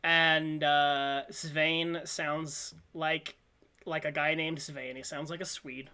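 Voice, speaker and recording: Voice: mid-range voice, little pitch movement, slow pace, sharp tone, clean tone. A game master running a tabletop role-play, explaining things with laughing asides.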